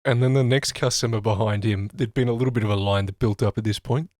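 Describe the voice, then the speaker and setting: A young man casually telling an animated, self-mocking anecdote about his retail job. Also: fairly low pitch, fast, dry recording, studio quality. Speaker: retail worker.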